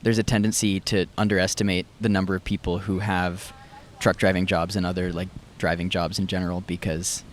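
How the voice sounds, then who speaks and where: Young male student from Massachusetts, lower voice, thoughtful and hedging, interviewed outdoors. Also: flat delivery, fairly quick, few pauses. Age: young adult. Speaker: college student guest. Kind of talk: casual interview. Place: outdoors on a college campus.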